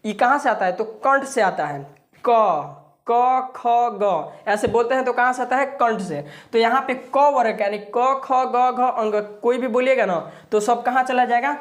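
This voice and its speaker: A woman's voice: fairly high pitch, moderate pace, few pauses. Patient woman teaching grammar to camera. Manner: patient, repeats sounds aloud and quizzes the listener. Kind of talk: Hindi grammar lesson, talking to viewers.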